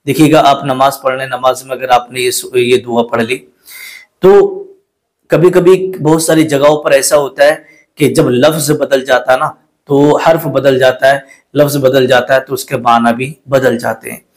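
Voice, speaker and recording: A man of ordinary pitch explains a prayer in measured, courteous with a lilt. He speaks as a patient religious teacher addressing viewers. Now and then he slows down to repeat a word and correct how it is pronounced. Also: steady tone. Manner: recites the Arabic prayer slowly in a melodic chant. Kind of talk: religious instruction to camera.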